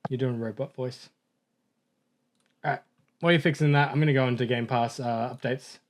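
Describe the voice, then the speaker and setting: A man co-hosting a gaming podcast in casual chat, upbeat and joking, briskly reading through lists of game updates. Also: medium pitch, fairly even intonation. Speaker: podcast co-host reading news.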